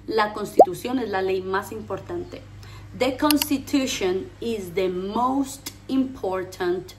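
A woman teaching a pronunciation lesson, lively, drilling words slowly and repeating them. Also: medium pitch. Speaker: English teacher.

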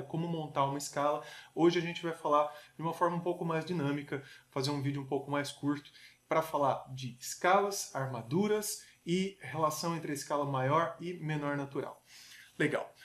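A young Brazilian man teaching music theory in a relaxed, chatty way, tagging his sentences with quick checks on the listener. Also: high voice. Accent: Brazilian Portuguese. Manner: relaxed, chatty, with frequent "tá?" tags. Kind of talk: casual online lesson. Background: piano notes played under the speech.

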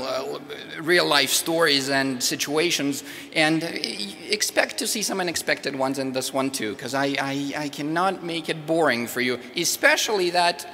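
A middle-aged native Russian speaker from Moldova, with a Russian accent, gives an animated, jokey conference presentation at a podium mic in a large hotel ballroom before an audience. His voice is a little high, and he gets loud on rhetorical questions. A far camera films him, and the echoey room adds long reverb plus slight background noise.

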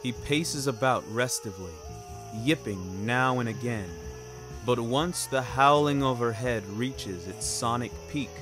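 With music running behind him, a man with a mid-range voice delivers a first-person fictional script at a measured pace. As the podcast's narrator, his style is wry, theatrical and ornate.

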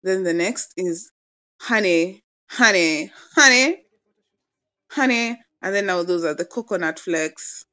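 A woman's voice: fairly low pitch, slow pace, pushed and bright, lo-fi sound. A young woman in her twenties chatting casually as she narrates a home cooking demo, playful and gushing about the food. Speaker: cooking vlogger.

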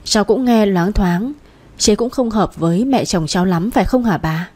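Young pregnant wife, timid and pleading, voiced by a female narrator; warm tone. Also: mid-range voice, normal speed, lightly acted. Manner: soft, coaxing.

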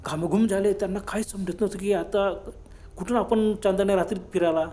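A man narrating a ghost story in a dramatic, unhurried way, with exclamations. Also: sits high, fairly even intonation, warm tone. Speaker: storyteller, channel host.

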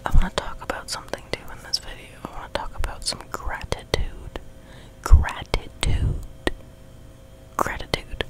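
A man's voice: normal speed, low-quality recording. A young adult man hosting ASMR, rambling in a close whisper right into the listener's ear on a sensitive microphone. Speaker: ASMR video host. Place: small room at home, seated on a love seat. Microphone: sensitive high-gain close microphone.

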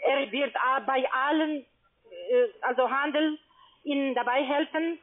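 A woman working in a call centre explains a trading offer by phone, her German carrying a foreign accent since it isn't her first language. The pitch comes out halting, full of repetition and rephrasing, all heard through a tinny, narrow-band connection.

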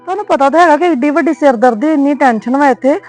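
Actress as a firm young wife on a phone call, brisk talker, faint music under it. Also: female voice, high voice, darkish tone, natural voice. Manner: placating but firm on the phone. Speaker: daughter-in-law. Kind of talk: web series drama.

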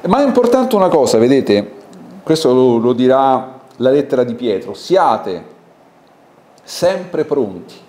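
Animated Italian man preaching in an echoey hall. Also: medium pitch, normal speed. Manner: animated, conversational preaching with questions to the congregation. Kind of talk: sermon. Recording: echoey church hall with faint background noise.

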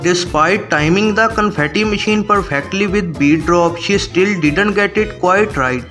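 A man with a high-pitched voice reads scripted commentary as a video narrator. Faint music plays underneath him throughout. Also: unhurried. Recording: voice-over with music bed. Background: background music.

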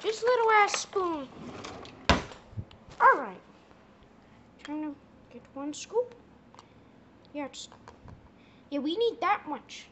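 A man's voice: sing-song, takes it slowly, pauses often, pushed and bright, a little hiss or hum, exaggerated voice. A young man voicing Mickey Mouse as a crude, bumbling cook in a comedy skit with a plush toy. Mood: goofy. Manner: high squeaky put-on voice, swearing, drawling.

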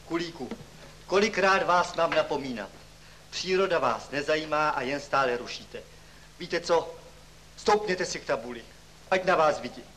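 A man's voice: on the high side, lively intonation, long pauses, slight background noise, low-quality recording. An actor playing a kindly but strict male schoolteacher who scolds his pupils, on an old film soundtrack. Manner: stern, scolding, then gentle.

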